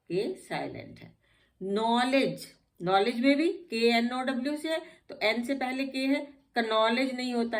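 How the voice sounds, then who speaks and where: Woman, English teacher, slow unhurried delivery, spells words letter by letter, patient lesson. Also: a little high. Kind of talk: spelling lesson explained in Hindi.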